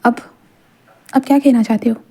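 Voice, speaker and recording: A woman's voice: fairly high pitch, fairly even intonation, normal speed, mellow, slightly rough. A woman voicing a middle-aged mother who keeps probing and teasing her son. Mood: prodding.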